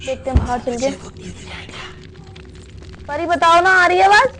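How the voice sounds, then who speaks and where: A woman's voice: very high-pitched, expressive, a little slow, pushed and bright, slight background noise. A young woman hosting a horror game let's-play, chatting casually to viewers and keeping up a stream of questions to a helper beside her. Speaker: gaming video host.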